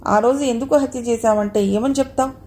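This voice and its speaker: Woman voicing a young man, coaxing and teasing, storybook reading, mellow voice. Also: a little high, fairly even intonation, fairly quick, lightly acted. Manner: coaxing, playful.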